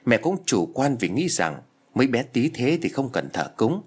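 A man voicing a middle-aged mother who speaks quietly and remorsefully, with a husky voice. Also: mid-range voice, big pitch swings, normal speed. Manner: subdued, remorseful.

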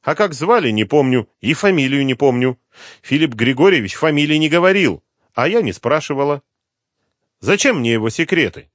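A man voicing a shrill, brash young woman. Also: big pitch swings, moderate pace, a bit bright, no room sound, clean studio sound. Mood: sullen. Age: 20s. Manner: shrill, snapping, mocking. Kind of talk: audiobook character voice.

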